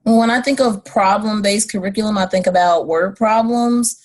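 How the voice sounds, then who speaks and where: A woman teacher on a video call, listing her ideas quickly with many fillers. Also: medium pitch. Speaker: teacher participant. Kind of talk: sharing ideas in a workshop.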